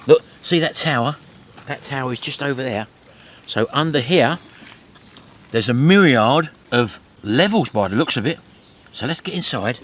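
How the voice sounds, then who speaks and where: A man's voice: medium pitch, a bit bright, a little hiss or hum. A middle-aged man hosting a casual walk-and-talk vlog, chattily addressing his viewers. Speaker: vlog host. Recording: music behind the voice. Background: music.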